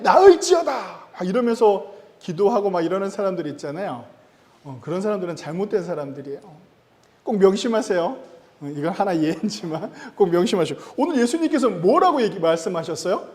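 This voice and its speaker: High-voiced pastor preaching in a reverberant hall. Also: male voice. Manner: emphatic preaching with rising stress and sudden drops in loudness. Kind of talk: sermon. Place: church sanctuary. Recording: long church-hall reverb.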